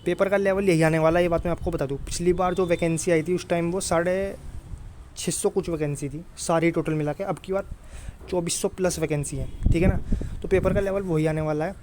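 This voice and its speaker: This exam tutor's voice is on the high side and warm, though his intonation stays very level. His informal coaching talk has a familiar, brotherly feel as he keeps checking in with listeners, and clear background noise makes the recording slightly noisy.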